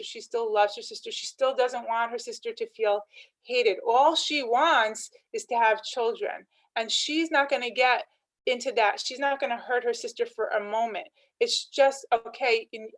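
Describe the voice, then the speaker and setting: A woman's voice: a little high, low-quality recording. A woman teaching a lesson on scripture, retelling scenes with quoted dialogue and rhetorical questions. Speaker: Torah teacher.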